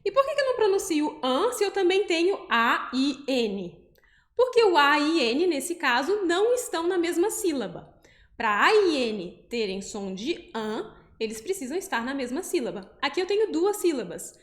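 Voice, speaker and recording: A Brazilian woman teaching French pronunciation, explaining patiently step by step and saying each example word slowly. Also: high voice, big pitch swings, roomy sound. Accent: Brazilian Portuguese. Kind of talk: pronunciation lesson.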